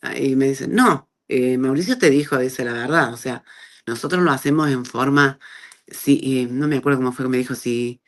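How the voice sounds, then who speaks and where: A middle-aged woman with an Argentine Spanish accent shares her personal testimony as a guest, speaking conversationally at a moderate pace. She's an animated storyteller who acts out the dialogue she quotes with big pitch jumps.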